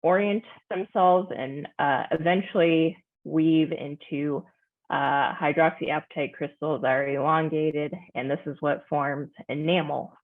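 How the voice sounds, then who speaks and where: A woman scientist giving a careful, measured technical presentation over a video call. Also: deep voice, steady tone. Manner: careful, measured, with frequent pauses. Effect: heard over a video call. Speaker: scientist presenting a conference talk. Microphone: computer mic on a video call. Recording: tinny video-call audio.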